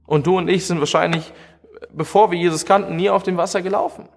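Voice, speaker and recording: A man's voice: high-pitched, steady tone, quick pace, vocal fry, in a large hall, slight background noise. A man preaching a sermon in an earnest way, speaking straight to his listeners and often calling out "hey". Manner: earnest, direct address with frequent "hey".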